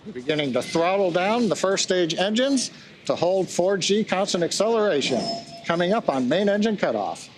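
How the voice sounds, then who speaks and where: A man's voice: sits high, big pitch swings, moderate pace. A man hosting a launch webcast with explanatory, matter-of-fact technical commentary. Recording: faint background noise.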